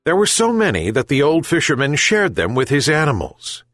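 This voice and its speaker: A man's voice: no echo, studio quality, soft background music. A man reading a children's fable aloud as a narrator. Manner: slow, gentle, very lively pitch. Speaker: reader. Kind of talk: storybook narration.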